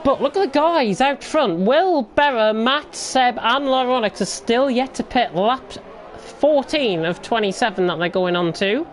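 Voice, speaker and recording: A woman works as a motorsport commentator, calling a race live as it unfolds. Her voice sits high. There is clear noise behind her throughout. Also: lively intonation, measured pace.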